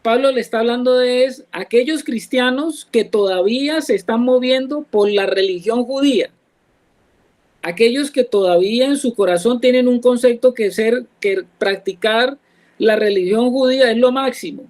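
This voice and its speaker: A man's voice: very high voice, normal speed, a little mellow, low-quality recording. A man with a Colombian accent leading a Bible study, explaining verses patiently and asking the group questions. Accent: Colombian Spanish. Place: church, class also joined online.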